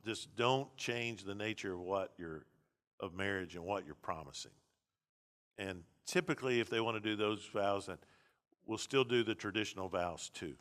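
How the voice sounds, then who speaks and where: A man's voice: lowish voice, moderate pace, a bit bright. A man, a pastor teaching a seminary class in a blunt, conversational lecture with many restarts.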